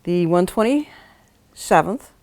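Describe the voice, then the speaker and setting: An older woman remembers her path into policing, stopping often to think. Her voice is low with a gravelly edge. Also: animated, slow, a little mellow. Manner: hesitant, thinking aloud. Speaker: retired police officer. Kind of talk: documentary interview.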